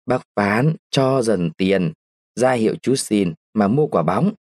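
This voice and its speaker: A jovial, indulgent man who teases a child warmly, read by a male narrator. The voice is husky, middle-pitched and dry. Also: animated, takes it slowly, dry recording. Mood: teasing. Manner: teasing, indulgent. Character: jovial middle-aged man, the mother's suitor.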